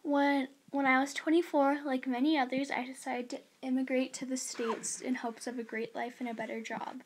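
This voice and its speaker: A woman's voice: high voice, flat delivery, normal speed, slight background noise, natural voice, low-quality recording. A woman voicing a young male immigrant miner, in an earnest first-person school history narration read plainly aloud.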